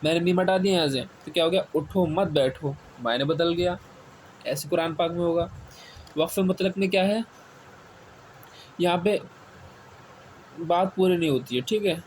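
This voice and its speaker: A man teaching the stopping rules of Quran reading, who asks his students questions and answers them himself, repeating key words slowly. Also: sits high. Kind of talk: step-by-step classroom explanation. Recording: faint background noise.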